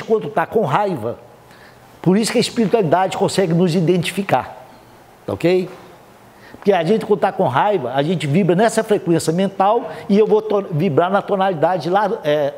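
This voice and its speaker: Brazilian guy teaching a spiritist seminar, fairly high voice, keeps asking the crowd "ok?". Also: a little mellow. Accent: Brazilian Portuguese. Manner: explanatory, frequent "tá ok?" check-ins with the audience. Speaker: spiritist lecturer. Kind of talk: seminar lecture to a live audience.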